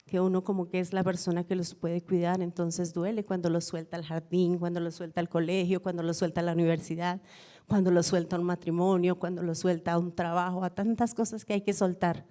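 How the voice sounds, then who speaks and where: A woman's voice: fairly low pitch, flat delivery, a little fast, warm tone. A woman pastor, preaching a sermon in a reflective storytelling way and often repeating phrases for emphasis. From Colombia.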